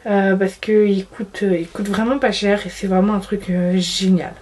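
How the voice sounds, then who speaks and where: A woman's voice: mid-range voice, flat delivery, moderate pace, darkish tone. Young woman, beauty vlogger, chatty, giggly, self-mocking, casual camera-mic sound. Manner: chatty, giggly, self-deprecating, frequent restarts. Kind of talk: casual makeup favorites chat.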